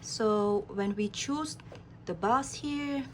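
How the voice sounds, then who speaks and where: Slow, calm woman demoing software. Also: mid-range voice, a little hiss or hum. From Vietnam. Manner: calm, guiding the viewer step by step. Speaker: program applicant demoing her task. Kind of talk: screen-recorded software demo.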